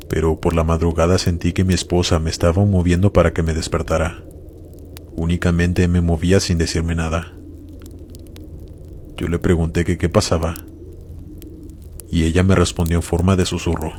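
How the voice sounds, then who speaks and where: A man narrates a scripted first-person horror tale in a very deep voice. He keeps an even, measured delivery that barely rises or falls. A faint hiss of background noise sits under his voice. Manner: steady, measured storytelling addressed to listeners.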